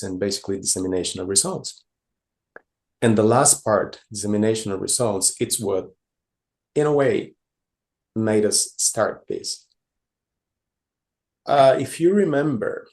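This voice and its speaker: A man from Costa Rica with a low, gravelly, darkish voice presents a conference talk with slides. He sounds hesitant, using many fillers and restarts.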